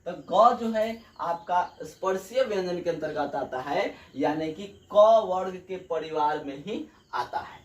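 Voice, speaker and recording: A man's voice: high-pitched, expressive, a little slow, hardly any pauses. A man teaching a grammar lesson at a whiteboard. He goes step by step, repeats key points and keeps asking the students check questions. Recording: echoey room, mic far off, birds outside.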